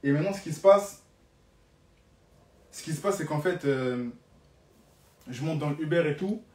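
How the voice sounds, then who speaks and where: A dramatic young man, a live streamer, tells an animated story, repeating phrases for emphasis. His voice is fairly high and darkish, at a normal speed, and it sounds roomy and distant.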